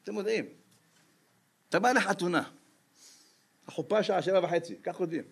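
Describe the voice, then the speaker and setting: A man giving a sermon as a rabbi, lively and full of rhetorical questions to his listeners. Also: high voice, gravelly, husky.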